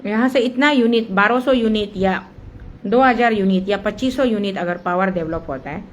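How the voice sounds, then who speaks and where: A woman's voice: mid-range voice, moderate pace, a little hiss or hum. A woman with an Arunachal accent giving an impassioned monologue, explaining a procedure step by step and mixing English phrases into her Hindi. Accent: Arunachal Pradesh. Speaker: activist speaking on a local dam issue.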